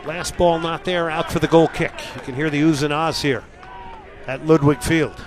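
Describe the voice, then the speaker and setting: Higher-voiced man calling soccer over stadium noise. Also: fairly even intonation, normal speed, a crowd in the background. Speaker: play-by-play commentator. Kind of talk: live soccer commentary. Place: outdoor college soccer stadium broadcast. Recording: clear outdoor stadium ambience noise.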